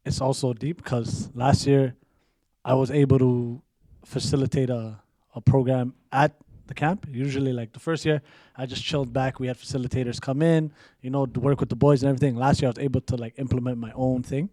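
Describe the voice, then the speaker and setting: A man co-hosting a podcast, telling a story in an easy, relaxed way. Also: mid-range voice, a little fast, dry recording, clean studio sound. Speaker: podcast co-host, camp facilitator. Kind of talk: casual podcast chat.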